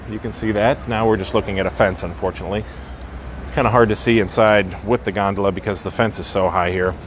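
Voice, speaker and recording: Slight background noise accompanies this man's mid-range voice as he strolls a theme park walkway outdoors on a casual live stream. Calling out viewers by name and leaning on lots of filler words, he's a little sniffly because of a sinus infection.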